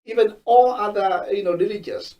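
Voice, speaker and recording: A man from Kenya, a guest on a panel discussion, who speaks haltingly with many restarts. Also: sits high, muffled recording. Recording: voice from far off the mic.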